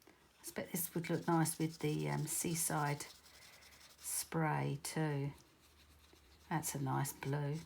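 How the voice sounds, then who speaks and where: A woman's voice: low-pitched, little pitch movement, slow pace, vocal fry, long pauses, darkish tone, a little hiss or hum. A middle-aged woman with a southern English accent, chatting her way through a card-making tutorial with rambling, self-correcting asides. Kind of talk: casual crafting tutorial.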